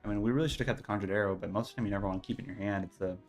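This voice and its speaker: A man giving casual, low-key gameplay commentary, thinking aloud as he plays. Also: very fast. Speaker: streamer playing a card game. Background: faint game music.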